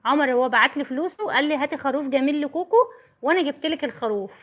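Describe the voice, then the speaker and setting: A woman's voice: sits high, very fast, highs cut off. A woman with an Egyptian Arabic accent chatting on a call while filming her child, doting and laughing often. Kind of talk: casual family vlog on a phone call.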